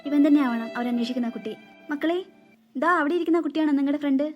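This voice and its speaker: A woman voicing a snake queen in human form in a cartoon, gentle and motherly toward children while keeping her secret. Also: high voice, very fast, muffled recording, soft background music, lightly acted. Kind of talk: cartoon voice acting.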